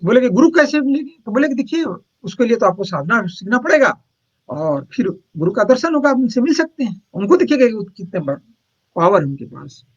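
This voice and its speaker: A monk with a high, light voice tells a spiritual story in a loose, meandering way, repeating words and pausing on fillers. He keeps checking in with his listeners as he goes. The recording sounds dull and lo-fi. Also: sing-song. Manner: rambling, repetitive storytelling with frequent hesitations. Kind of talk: retelling a spiritual anecdote.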